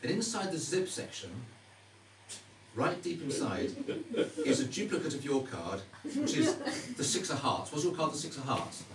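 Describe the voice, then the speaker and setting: Male magician, chatty card-trick patter, animated intonation, distant noisy live recording. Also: a little high, moderate pace, reverberant. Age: middle-aged. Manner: chatty, teasing, questioning asides to audience. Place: indoor stage before a small live audience. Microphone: distant audience camera.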